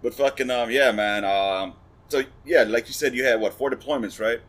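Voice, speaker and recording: A man's voice: mid-range voice, moderate pace, fairly bright tone. A man hosting a casual interview, laid-back and profane, laughing along with his guest. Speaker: podcast host.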